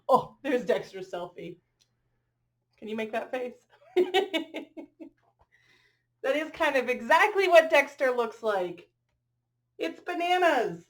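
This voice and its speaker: In a high, very lively voice, a woman teacher reads aloud to young children, drawing each line out with expression. She keeps checking in with her listeners, slipping in questions and asides.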